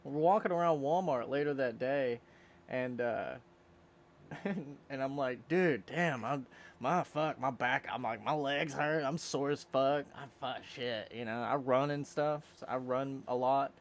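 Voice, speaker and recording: A man's voice: medium pitch, unhurried. A man in his twenties telling rambling, profane stories in a casual chat with friends. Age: 20s. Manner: rambling, profane storytelling, laughing often. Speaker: friend in a streamed group chat.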